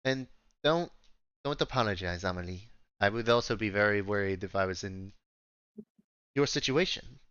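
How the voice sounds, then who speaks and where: Earnest, nervous elven bride, voiced by a man; soft delivery, muffled and dry. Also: lowish voice, moderate pace, long pauses, clear, resonant tone, no echo, lightly acted.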